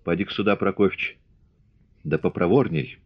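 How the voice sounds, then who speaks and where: A man voicing an anxious, grim old Cossack woman in an audiobook, speaking in a low, muffled, worried tone. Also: normal speed. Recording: dull lo-fi audiobook recording.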